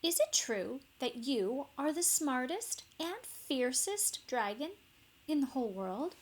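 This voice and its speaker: A woman plays a young princess from a children's storybook. She is bold and clever, with a raised pitch and slow, emphatic phrasing. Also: very animated, full character voice. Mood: challenging. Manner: emphatic, calling out. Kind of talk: children's storybook read-aloud.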